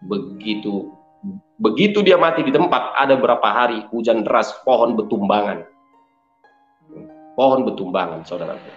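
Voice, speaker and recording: Loud-spoken man with a Medan accent. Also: on the low side, animated, moderate pace, long pauses. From Medan, Indonesia. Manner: loud, forceful delivery; keeps addressing listeners as brothers. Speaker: testimony speaker. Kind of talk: personal religious testimony. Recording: dull roomy recording with faint music.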